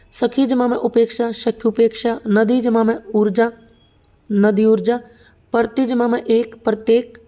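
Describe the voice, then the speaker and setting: A woman's voice: on the high side, warm tone. A young woman teaching Hindi grammar for exam prep, explaining each example step by step and often checking that students follow. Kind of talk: exam-prep lesson at a whiteboard.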